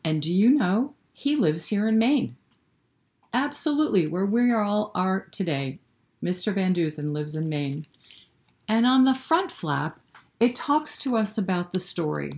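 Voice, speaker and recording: At story time for young kids, a woman speaks to them directly, posing questions and offering encouragement while she reads aloud interactively and sings. Her mid-range voice is animated and a little mellow, delivered at a measured pace.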